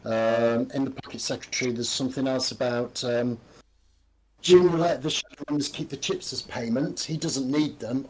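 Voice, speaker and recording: A man narrating as game master in a tabletop game, halting and full of ums. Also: medium pitch, darkish tone, breathy edge, poor audio.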